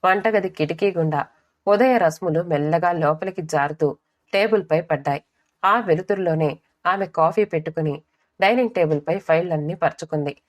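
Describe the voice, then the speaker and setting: A woman narrates an audiobook story at a measured, even pace. Her voice sits a bit low and stays steady throughout the storytelling. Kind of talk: scripted narration.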